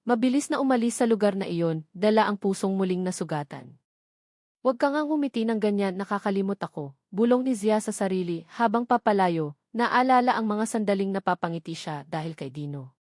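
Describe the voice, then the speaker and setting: An audiobook narrator with a Filipino accent reads a scripted story in a dramatic storytelling style. Her voice is mid-range and darkish, captured in clean studio sound with no room sound.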